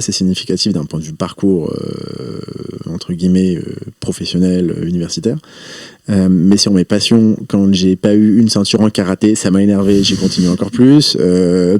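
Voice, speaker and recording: Male interview guest, low and warm-toned, reflective, hesitant delivery. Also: dry recording, clean studio sound. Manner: reflective, rambling, frequent hesitations. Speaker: podcast guest, entrepreneur. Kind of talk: casual interview talk.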